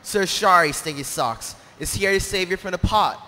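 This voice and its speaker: A brave young knight speaks with bold, earnest cheer, as a woman drops her voice low to play him. His lines carry the ring of a long echo. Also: normal speed, bright, forceful tone, a little hiss or hum. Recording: echoey hall.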